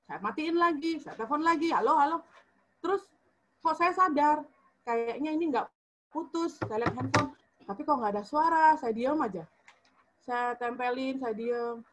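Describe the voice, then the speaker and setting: A woman's voice: sits high, normal speed, fairly bright tone, slight background noise. A woman on a video call telling a personal story in casual talk, with many fillers and restarts, acting out the dialogue she quotes. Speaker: church member sharing a testimony.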